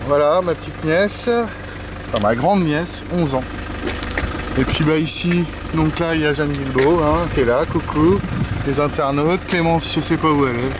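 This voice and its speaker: A middle-aged family travel vlogger narrates a motorhome trip, speaking outdoors at a ski resort and inside the motorhome. His slightly high voice runs at a moderate pace, casual and chatty with many fillers, picked up by a handheld camera mic amid noisy vehicle and outdoor ambience.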